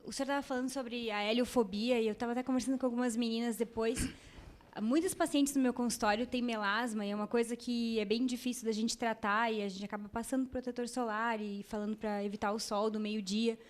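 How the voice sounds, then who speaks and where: Quick-talking woman asking a question. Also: a little high, fairly even intonation. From Brazil. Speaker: student, clinician.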